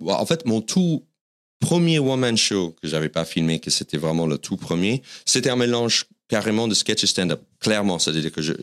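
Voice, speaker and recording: A man with a notably low, deep voice and an American accent, speaking French as a guest in a podcast interview. He tells his stories with self-deprecating humor, in the way of a working stand-up comedian. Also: fairly bright tone. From United States. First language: English.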